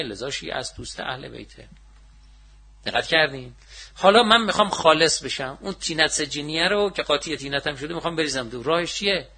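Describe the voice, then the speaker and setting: A male preacher gives a conversational religious lecture, with a gravelly, slightly husky edge to his voice. His tone is bright and forceful. He often checks in with his listeners and drops from loud emphasis to near-whispered remarks. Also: mid-range voice. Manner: swings between loud emphasis and hushed asides; asks listeners rhetorical check-in questions.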